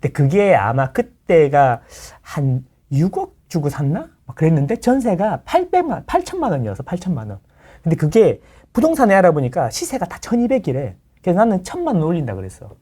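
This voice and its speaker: A man's voice: fairly high pitch, huge pitch swings, brisk, mellow, slightly rough. A middle-aged man, a real estate lecturer chatting casually as a guest, explaining with everyday analogies and acting out the people he quotes. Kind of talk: casual chat.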